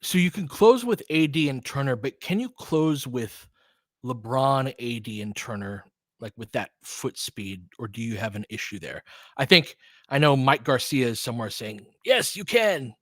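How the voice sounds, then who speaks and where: A man with a mid-range, fairly bright voice hosts informal live basketball play-by-play for fans, speaking animatedly at a moderate pace. He mixes casual chat replies with plays called in clipped phrases, and the sound is studio quality with no echo.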